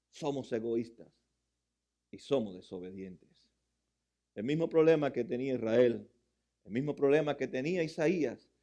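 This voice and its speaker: A man preaching a sermon as pastor, impassioned, repeating phrases for emphasis and swinging between loud, high passages and quiet, low ones.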